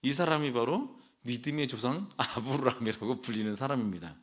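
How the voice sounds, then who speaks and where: A man's voice: medium pitch, expressive, fairly quick. A male pastor preaching a sermon in a church, talking conversationally with the congregation, asking them questions and adding playful asides. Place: church sanctuary.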